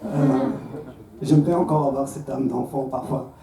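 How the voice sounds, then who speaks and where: A man performing a stand-up comedy set on a club stage, telling anecdotes with a deadpan delivery. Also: mid-range voice, normal speed, creaky. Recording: roomy club sound from far off.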